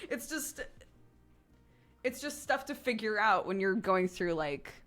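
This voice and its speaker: A young woman streamer chatting casually, laughing often and tagging her stories with quick "right?" asides. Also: mid-range voice, animated, fairly bright tone. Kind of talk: casual chat.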